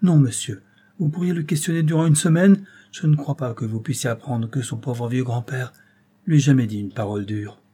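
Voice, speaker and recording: Old grieving grandfather, halting, quavering, husky mellow tone, voiced by a male narrator. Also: medium pitch, lightly acted. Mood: pleading. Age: older.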